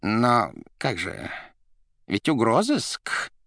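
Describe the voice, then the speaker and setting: A man voicing a grim, bitter male finance director who speaks slowly and heavily. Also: fairly low pitch, big pitch swings, creaky, fairly bright tone, dry recording, clean studio sound, full character voice. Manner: slow, heavy, spiteful. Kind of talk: audiobook character voice.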